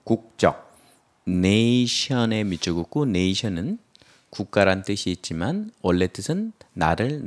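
A man teaching English vocabulary, explaining word roots and acting out example sentences with playful memory tricks. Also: sits low. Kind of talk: lively vocabulary lecture.

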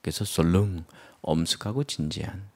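A man's voice: low voice, moderate pace, a little mellow, husky. A man teaching English vocabulary, explaining word roots and acting out example sentences with playful memory tricks. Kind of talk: lively vocabulary lecture.

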